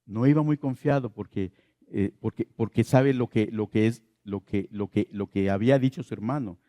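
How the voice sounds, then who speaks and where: Warm-voiced man preaching a sermon. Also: lowish voice, normal speed, no room sound, clean studio sound. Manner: preaching with questions to the congregation, repeating key phrases. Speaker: pastor.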